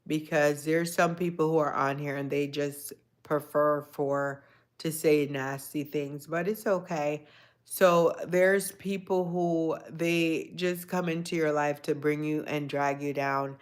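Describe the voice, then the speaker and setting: On a casual livestream, a woman of Jamaican descent talks reflectively with her viewers, greeting them by name and repeating phrases. Her voice is low, steady and resonant, clear, and she takes her time.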